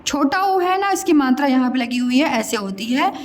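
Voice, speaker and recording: A woman teaching young children Hindi pronunciation, stretching each word slowly syllable by syllable and asking them to repeat. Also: high voice, expressive. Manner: drawn-out syllable-by-syllable pronunciation, questioning pupils; calls the listener "beta" (child). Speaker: primary school Hindi teacher. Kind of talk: slow spoken lesson for young children.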